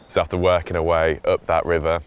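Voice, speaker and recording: Speaking briskly in a low, smooth voice with a completely flat delivery, this young man grew up in Switzerland and chats eagerly about fishing. His casual outdoor talk and voice-over ramble along with frequent restarts.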